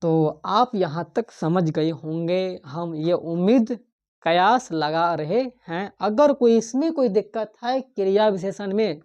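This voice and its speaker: A woman's voice: lowish voice, slow, a little mellow, lo-fi sound. A woman teaching an exam-prep Hindi grammar lesson, who asks the class questions and repeats each key term.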